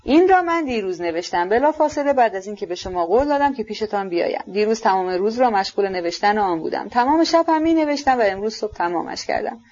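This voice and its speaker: A woman reading the part of a sick, feverish young man who talks in an excitable, nervous and defiant way. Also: mid-range voice, few pauses, muffled recording, close to an everyday voice. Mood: intense.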